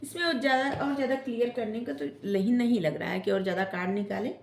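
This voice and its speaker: Woman tarot reader, casual coaching delivery, slightly high voice, echoey room. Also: quick pace, slight background noise. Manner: gentle coaching tone, ends phrases with "theek hai?". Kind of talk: casual spiritual advice talk.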